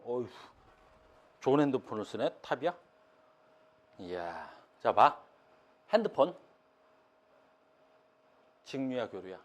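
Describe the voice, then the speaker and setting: A man teaching high school science in a classroom, talking casually with blunt slang and poking fun at himself in front of the students. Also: very animated, slow pace, pauses often. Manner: blunt, slangy, self-mocking banter with students.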